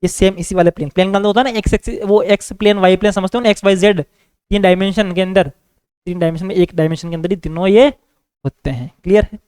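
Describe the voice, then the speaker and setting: A man with a Hindi accent giving a classroom science lecture, asking his students questions and repeating key words, slowing down to read definitions. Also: high-pitched, steady tone, a little mellow, clean tone, no echo. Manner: repetitive, asks students questions; reads English definitions slowly. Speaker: teacher.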